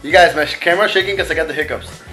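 A man's voice: a little high, racing, bright, forceful tone, soft background music, poor audio. A man talking casually to the camera as a family vlogger, chatty and friendly, speaking straight to his viewers. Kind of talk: casual vlog talk to camera.

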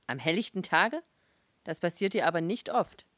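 A woman's voice: on the low side, lively intonation, normal speed, fairly bright tone, no echo. A woman voicing an irritable, dismissive Martian husband who answers curtly and scoffs at his wife. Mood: irritated. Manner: curt, scoffing.

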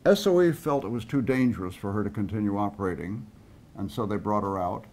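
An older man giving a museum interview in a deliberate, matter-of-fact way. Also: lowish voice, darkish tone. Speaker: museum expert. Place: indoor museum.

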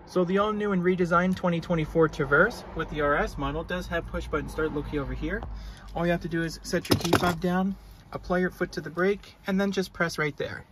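A man's voice: on the high side, fairly even intonation, fairly quick, noisy background. A man giving a casual car walkaround, talking in a plain, easygoing show-and-tell way with frequent fillers. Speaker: car reviewer. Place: around and inside a parked car.

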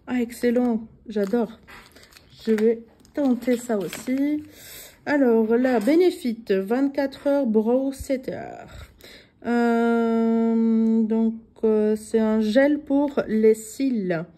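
A young adult woman vlogging casually as she unboxes beauty products, reading labels out haltingly with many fillers. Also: fairly high pitch, warm tone.

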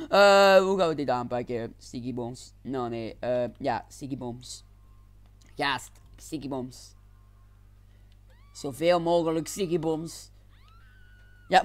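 A man giving excitable let's-play commentary, exclaiming and laughing often. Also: high-pitched. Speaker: gaming channel host.

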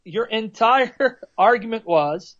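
Emphatic high-voiced man, lo-fi call. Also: expressive, slow pace, a bit bright. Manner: emphatic, insistent. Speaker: guest debater. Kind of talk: live online discussion.

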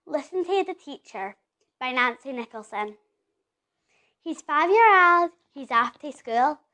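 A woman's voice: sits high, lively intonation, measured pace, sharp tone. A woman with a Scottish accent reciting a Scots poem with a rhythmic, lilting delivery and a chanted refrain. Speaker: poetry reciter. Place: music workshop venue, indoors.

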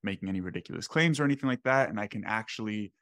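A man in his thirties hosting a casual interview into a desk studio mic, speaking quickly and sometimes searching for words mid-sentence. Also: fairly low pitch, lively intonation, a bit bright, dry recording. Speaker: podcast host. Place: small room at home.

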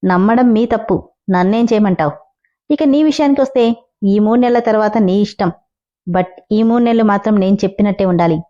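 A woman voicing a confident, scheming young man who talks in a calm, teasing way. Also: medium pitch, fairly quick, lo-fi sound, close to an everyday voice. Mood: cocky. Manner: calm, teasing, self-assured.

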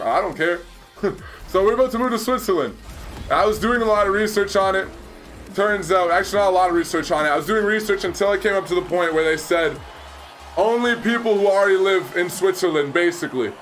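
Laughing frequently, a young gaming streamer in his twenties reads and responds to chat in a loose, chatty way. He speaks into a headset mic in a small room, and his voice sits high with a fairly bright tone.

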